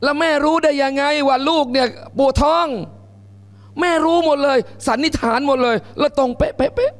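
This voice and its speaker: High-voiced man lecturing in a reverberant mosque. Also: fairly quick. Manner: lively, joking, acts out mothers and babies. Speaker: Islamic lecturer. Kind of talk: colloquial Quran commentary lecture.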